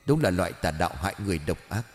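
A man voicing a furious male ghost turned demon, growling through clenched teeth in a low, panting voice. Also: lively intonation, racing, in a large hall, music in the background. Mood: bitter, vengeful.

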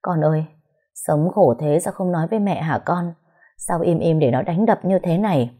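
A woman's voice: lowish voice, moderate pace, warm tone, slightly rough. A woman voicing an anxious older mother from the countryside, pleading and scolding. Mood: tearful. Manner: fretful, pleading.

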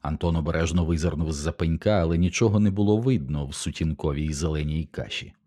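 A man narrating an audiobook in a steady, measured way. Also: rumbling low.

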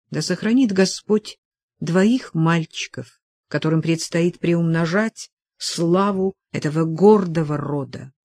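A woman's voice: deep voice, darkish tone, no echo, studio quality. A woman reading the lines of a grave, restrained aging nobleman in an audiobook, speaking earnestly.

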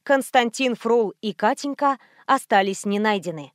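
A woman narrating a detective audiobook in a steady, even storytelling manner. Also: on the high side, normal speed, dry recording, studio quality. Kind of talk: scripted narration.

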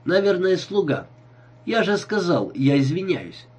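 A man reading an audiobook, voicing a smooth-talking seducer with a suave, falsely sympathetic manner. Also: high-pitched, very animated, unhurried, a little mellow, voice pushed up, heavily acted. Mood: nervous.

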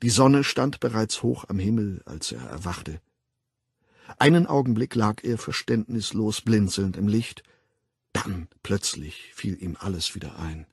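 A man narrating an audiobook with a measured, dramatic, husky reading. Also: lowish voice, expressive, no room sound, clean studio sound. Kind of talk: scripted narration.

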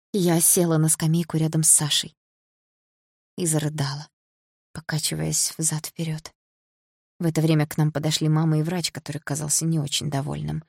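Low husky woman reading an audiobook. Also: a little mellow, dry recording, studio quality. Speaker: audiobook reader. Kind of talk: first-person audiobook narration.

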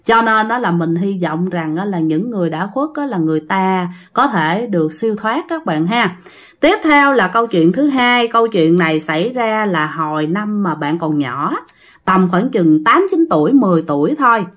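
A woman's voice: medium pitch, lively intonation, moderate pace, fairly bright tone. A woman tells ghost stories in a casual, chatty way, often turning to speak to her listeners directly. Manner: chatty, addresses listeners often, many fillers. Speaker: storyteller. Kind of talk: casual ghost story retelling.

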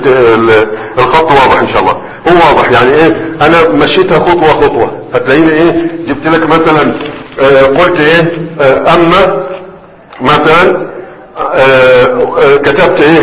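A man's voice: fairly high pitch, a bit bright. Egyptian man lecturing in an echoey hall. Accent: Egyptian Arabic. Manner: conversational, keeps checking in with students. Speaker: teacher of Arabic grammar. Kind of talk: classroom lecture. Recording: echoey hall, faint background noise.

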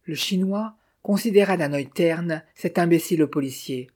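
A narrator reading a detective novel aloud in an even, measured way. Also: mid-range voice. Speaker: audiobook narrator.

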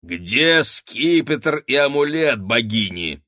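A man voicing a huge, brutish giantess in an audiobook, speaking slowly and threateningly. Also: big pitch swings, sharp tone, no echo, clean studio sound, heavily acted. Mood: menacing. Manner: slow, booming, threatening. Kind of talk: audiobook character voice.

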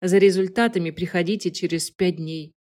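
A woman voicing a curt, stern elderly nurse in an audiobook, raised in pitch above her own voice. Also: fairly even intonation, brisk, a little mellow, natural voice. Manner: curt, grudgingly yielding.

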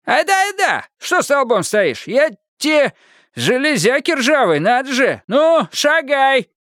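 A man's voice: very high voice, big pitch swings, slow, no room sound, studio quality, voice pushed up, full character voice. A man voicing a cranky old male watchman who mocks and barks orders, in an audiobook. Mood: furious. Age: older. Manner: shouting, mocking, bossy. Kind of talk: audiobook character voice.

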